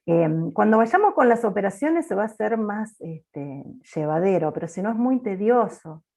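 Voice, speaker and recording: A woman teaching an accounting class over a video call, with a loud, bossy-sounding manner. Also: medium pitch, lively intonation, normal speed, gravelly. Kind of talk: online class lecture.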